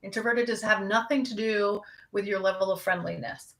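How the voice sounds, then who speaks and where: Candid woman counselor, young adult, mid-pitched, easy conversational delivery. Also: steady tone, normal speed, fairly bright tone. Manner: candid, conversational, speaks to a live audience. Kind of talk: casual talk on anxiety.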